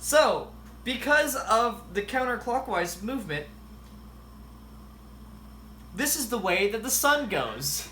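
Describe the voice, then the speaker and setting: A man's voice: very high-pitched, very animated, a little slow, pushed and bright, slight background noise. A man hosting a goofy home cooking tutorial, reading recipe steps aloud and making up silly facts. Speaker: cooking show host. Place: home kitchen.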